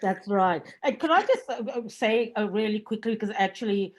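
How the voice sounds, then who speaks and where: A woman facilitating a workshop on a video call, talking briskly with hesitant fillers. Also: medium pitch, animated. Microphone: laptop webcam on a video call.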